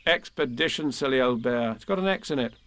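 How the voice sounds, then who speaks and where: A man's voice: mid-range voice, animated, brisk, fairly bright tone, natural voice. A man voicing a confident, fond, slightly bossy young boy in a children's storybook reading.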